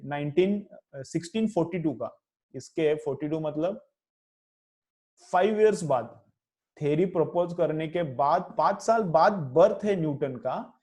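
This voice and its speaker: A man teaches a class in a slightly raised, mellow voice, asking questions and answering them himself. He repeats phrases slowly so students can write them down. He has an Indian English accent. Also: high-pitched. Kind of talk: classroom lecture, dictating notes.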